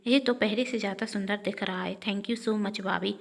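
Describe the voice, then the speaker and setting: A woman's voice: medium pitch, steady tone, normal speed, creaky. A woman voicing a proud young woman who earnestly apologizes, in a read-aloud family story.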